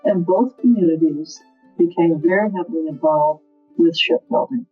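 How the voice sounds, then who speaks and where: A woman's voice: lowish voice, normal speed. Woman's voice with fuzzy distortion. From northern New York State, USA. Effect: fuzzy, distorted audio. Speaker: historic site manager. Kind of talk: interview answers, explaining local history. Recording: distorted, dull lo-fi interview audio with faint music behind.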